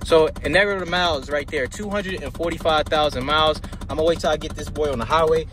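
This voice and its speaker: A man's voice: a little high, fast talker. A man vlogging from behind the wheel, talking loosely and profanely straight to his viewers about flipping auction cars. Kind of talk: casual vlog while driving. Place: inside a moving car. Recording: loud road and car noise.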